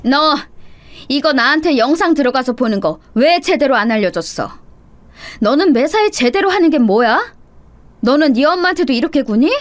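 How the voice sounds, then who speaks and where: A woman doing a shrill, scolding old mother-in-law. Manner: shrill, berating, sharp-tongued. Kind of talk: dramatized story reading.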